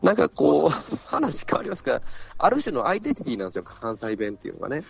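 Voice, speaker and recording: A man in a casual podcast chat, explaining his view in a drawn-out way. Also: on the high side, huge pitch swings, gravelly, slightly rough. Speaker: podcast panelist. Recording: dull lo-fi audio with faint music.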